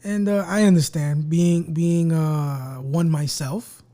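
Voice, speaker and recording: A man hosting a casual podcast chat, joking and swearing, speaking softly into a close mic. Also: a little high, steady tone, slow. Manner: joking, profane, talks quietly and projects for the mic. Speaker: podcast host.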